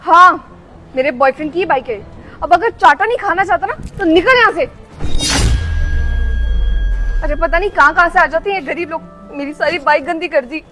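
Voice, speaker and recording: A woman playing a shrill, snobbish young rich woman. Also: quick pace, bright, forceful tone. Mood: scornful. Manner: scornful, scolding, bossy. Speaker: actor in a short drama skit. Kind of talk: melodramatic short-video acting. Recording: faint background music.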